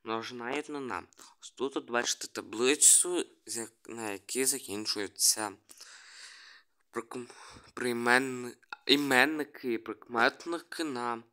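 A man presents a language he made up, moving slide by slide. His voice is bright and forward, with a mid-range pitch. He often hesitates, reads letters one by one and trails off mid-word before starting again. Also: unhurried. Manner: hesitant, reading letters one by one, many restarts. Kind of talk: screen-share explainer.

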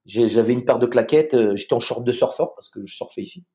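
Man from Madagascar, podcast guest, halting speech, repeats words, dark mellow voice. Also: medium pitch. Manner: halting, repeats words, quotes others in dialogue. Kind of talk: emotional personal storytelling.

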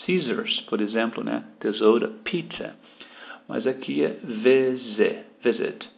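Slow, gravelly Brazilian English teacher. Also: male voice, medium pitch, highs cut off. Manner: slow, deliberate, repeating words to model pronunciation. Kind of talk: language lesson explaining pronunciation.

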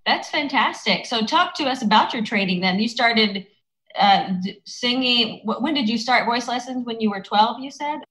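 A woman's voice: on the high side, lively intonation, normal speed, fairly bright tone, low-quality recording. A woman interviewing a guest, enthusiastic and prone to restarting her questions. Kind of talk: casual interview.

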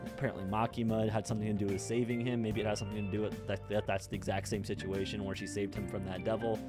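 A young man casually reacting to and discussing an anime episode at home, laughing often and breaking into loud exclamations. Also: on the low side, flat delivery, fast, loud music behind the voice. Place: home room with a red-walled display shelf, indoors.

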